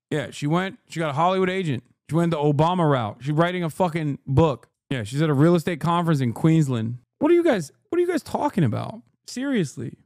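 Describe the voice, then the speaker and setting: Laughing as he talks, a Turkish man in his thirties who streams delivers heated, profane reaction commentary. The high-sitting voice comes through clean, studio-quality, and free of echo.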